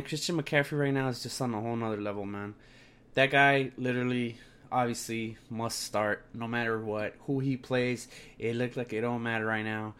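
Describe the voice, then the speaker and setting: A man's voice: mid-range voice, clear, resonant tone. A young man talking sports on a solo podcast in a brash, slangy, sweary frat-bro manner, sounding sick and tired.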